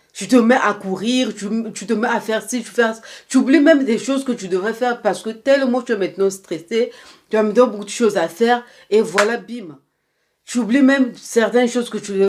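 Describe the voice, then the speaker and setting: A young woman vlogger speaks in a medium-pitched, slightly mellow voice, addressing her viewer directly. Her casual motivational talk to camera offers earnest, repetitive life advice, with encouragement tinged by faith.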